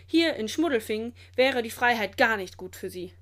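A woman's voice: on the high side, expressive, normal speed, close to an everyday voice. A woman reading as a stern, scolding zoo director. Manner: scolding, loud.

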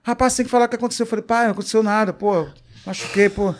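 Man, Brazilian accent, high-pitched, profane, animated storyteller, casual interview. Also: rapid-fire. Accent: Brazilian Portuguese. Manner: profane, animated storyteller acting out quoted dialogue. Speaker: comedian guest.

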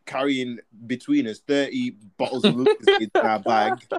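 A man's voice: medium pitch, normal speed, a crowd in the background. A young man with a London roadman accent and slang, telling things casually among friends. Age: young adult. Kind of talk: casual group chat.

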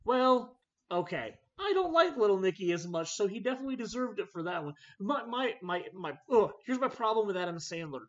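A man's voice: sits high, big pitch swings, brisk, fairly bright tone. A man hosting a casual movie podcast, ranting animatedly about films he loves and hates. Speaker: podcast host. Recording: slightly dull lo-fi audio.

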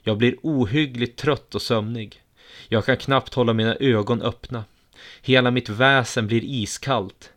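A man reading a first-person story aloud in a steady, measured way. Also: medium pitch.

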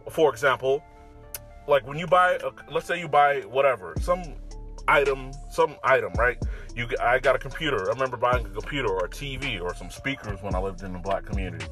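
A man's voice: medium pitch, a little fast, bright, forceful tone, faint music behind. A man with an American accent and a slight lisp, ranting casually in a blunt, profane, conversational way. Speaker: online commentator. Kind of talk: casual opinionated rant.

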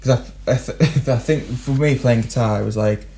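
A young man, a musician guest, telling stories in a rambling, animated way with frequent laughs. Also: medium pitch, moderate pace. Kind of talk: casual storytelling chat.

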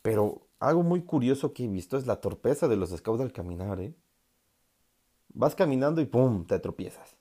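A man's voice: lively intonation, normal speed, mellow, husky. A young man with a Mexican accent talking casually to his audience, joking and laughing, then turning earnest. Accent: Mexican Spanish. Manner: joking, laughing, mocks others in put-on high voices. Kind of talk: casual monologue.

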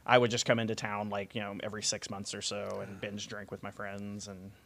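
A man's voice: lowish voice, completely flat delivery, fairly quick, creaky, a bit bright. An American man talking casually as a podcast guest, telling stories in an informal way. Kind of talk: casual conversational storytelling.

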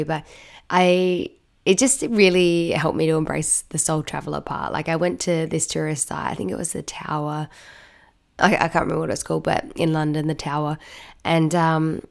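Croaky, low-voiced woman hosting a podcast. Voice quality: croaky, hoarse frog voice from a bad cold and cough. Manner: chatty, informal, many "like" asides. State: sick with a croupy cough. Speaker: podcast host. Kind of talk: casual solo podcast talk.

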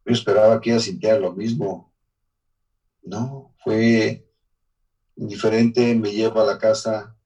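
A man's voice: lowish voice, fairly even intonation, measured pace, long pauses, dark tone, distant mic, rough recording. A man from Mexico with a Mexican accent, telling his life story in an interview in an earnest, emotional way, sometimes restarting his sentences. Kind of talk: personal life testimony.

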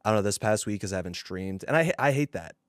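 A man with a lowish voice chats on a casual podcast, rambling along with plenty of fillers. His voice is close-miked and dry, with no room sound. The delivery is loose and unhurried. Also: expressive, no echo. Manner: laid-back, rambling, lots of fillers. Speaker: podcast co-host.

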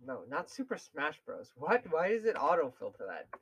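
A man's voice: on the high side, huge pitch swings, moderate pace, fairly bright tone, husky, rough recording. A young man co-hosting a casual podcast chat, rambling with lots of fillers and laughs. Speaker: podcast co-host.

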